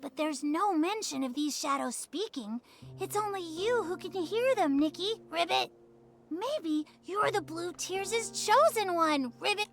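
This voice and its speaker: A woman voicing a timid, chatty little frog-like vendor in a game, punctuating her sentences with a croaking "ribbit". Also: very high-pitched, lively intonation, measured pace, a bit bright, full character voice. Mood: chatty, earnest. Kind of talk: scripted game dialogue. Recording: game music behind.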